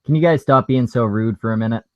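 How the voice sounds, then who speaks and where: A man co-hosting a livestream, making crude jokes in a mock-stern, deadpan way. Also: mid-range voice, fast talker, no room sound. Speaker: stream co-host. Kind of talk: casual profane chat. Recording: dry, muffled call audio.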